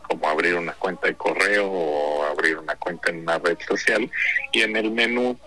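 Male radio guest, Mexican accent, very low pitch with a forceful bright edge, informal explanatory delivery. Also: normal speed, low-quality recording. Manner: informal, explanatory, frequent tag questions. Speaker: radio guest representing a sound map project. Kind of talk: conversational interview explanation.

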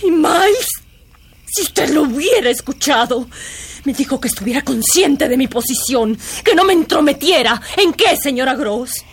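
An actress in a radio drama playing a young governess, overwrought and urgent, often dropping into whispers. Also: female voice, sits high, lively intonation, moderate pace. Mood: frightened intense. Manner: urgent and breathy, slipping into whispers. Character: young female governess, haunted, intense, overwrought.

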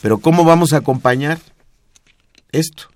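A man's voice: fairly high pitch, normal speed, no room sound. A man with a Mexican Spanish accent, explaining music history in a didactic, patient way on a radio talk show. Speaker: music expert guest.

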